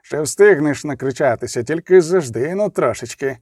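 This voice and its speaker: A man voicing furious, brutish young knights who snarl and shout insults in an audiobook. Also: on the high side, lively intonation, moderate pace, no echo, clean studio sound.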